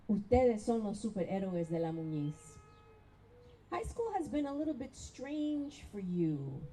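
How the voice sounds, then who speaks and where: A woman's voice: a little high, warm tone, slight background noise, poor audio. A woman school principal giving a heartfelt, emotional graduation speech into a podium microphone. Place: graduation ceremony.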